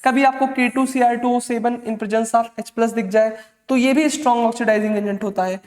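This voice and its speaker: A man's voice: extremely high pitch, steady tone, moderate pace, a little mellow. A man teaching chemistry in an online exam-prep lecture, fatherly and motivating, drilling key points over and over. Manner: fatherly, motivating, calls students "beta". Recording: echoey room with long reverb.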